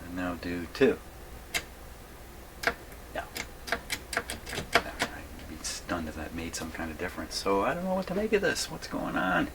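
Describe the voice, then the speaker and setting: A man with a low, expressive voice hosts an electronics repair video from his home radio workshop, chatting casually and muttering to himself as he works. He speaks at a measured pace with long pauses, thinking aloud through the demonstration. The recording is clear, with some background noise.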